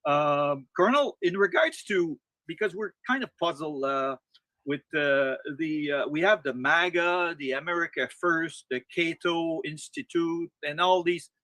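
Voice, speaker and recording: A man with a Quebec French accent, a native French speaker, hosting an interview and searching haltingly for words when in English. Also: on the high side, sharp tone, no echo. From Quebec, Canada. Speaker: interviewer, channel host.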